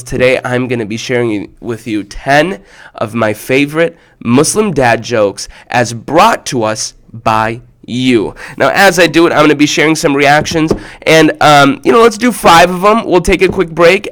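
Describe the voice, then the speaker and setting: A man hosting a children's show, playfully and excitedly reacting to clips that viewers sent in. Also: fairly high pitch, normal speed. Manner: animated and playful, exclaiming often.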